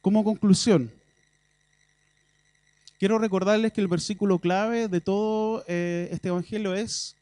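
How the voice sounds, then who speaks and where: A male preacher with a Chilean Spanish accent gives a sermon in a church, chatting and joking with dry irony, then pushing into emphatic bursts. His voice sits high for a man. The sound is close and dry, with little room echo. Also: fairly even intonation, normal speed, hardly any pauses, darkish tone, clean tone. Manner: conversational, ironic, with rising emphatic bursts.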